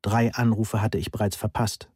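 A man reading a first-person story aloud in an even, matter-of-fact way. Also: fairly low pitch, moderate pace, slightly rough, dry recording, studio quality. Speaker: audiobook narrator. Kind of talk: scripted first-person narration.

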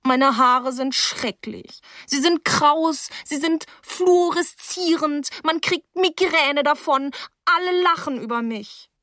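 A woman's voice: high voice, slow, pushed and bright, no echo, studio quality, voice pushed up, exaggerated voice. A woman reading an audiobook, voicing a sulky, self-pitying young girl in a raised, plaintive voice. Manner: whiny, plaintive.

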